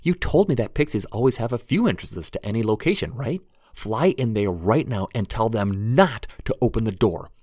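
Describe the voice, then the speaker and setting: A man voicing a small, bold young woman who gives brisk, commanding orders. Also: on the low side, expressive, mellow, dry recording, clean studio sound. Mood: urgent.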